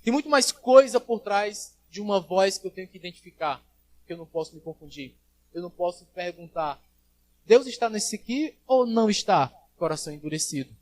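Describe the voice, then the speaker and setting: A man preaches to his congregation in a fairly high voice. He rises to loud, ringing calls and drops to low, quiet asides. He acts out the voices of the people he quotes. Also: expressive, a little fast. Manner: preaching with big swings in loudness, acting out quoted voices. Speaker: pastor. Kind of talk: sermon. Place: church service.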